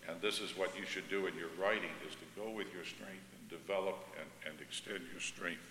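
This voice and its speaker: An older man giving a talk on writing. He reads a poem slowly and deliberately, then speaks in a conversational, wry way. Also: low-pitched, steady tone, bright, forceful tone. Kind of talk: reflective talk with a poem reading. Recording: echoey hall, faint noise.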